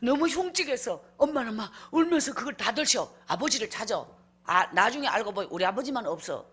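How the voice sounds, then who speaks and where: A woman's voice: fairly high pitch, expressive, fairly quick, fairly bright tone, breathy edge. A woman evangelist tells her life story in a revival sermon, emphatic and acting out scenes as she goes. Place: church.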